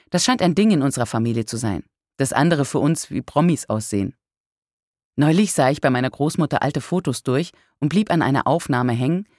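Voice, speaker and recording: Brief: audiobook narrator, measured first-person reading, wry humor, close and dry. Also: medium pitch, a little mellow, no room sound.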